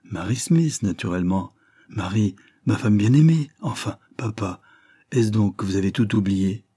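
A man voicing a tall, slim, cheerful young man in an audiobook, talking briskly and reassuringly. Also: lowish voice, expressive, mellow, husky. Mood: warm. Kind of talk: audiobook character reading.

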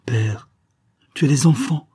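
A man voicing a frightened sixteen-year-old boy pleads in a raised, emotional voice. The voice is husky and darkish even when lifted. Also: on the low side, moderate pace. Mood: pleading. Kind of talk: audiobook character voice.

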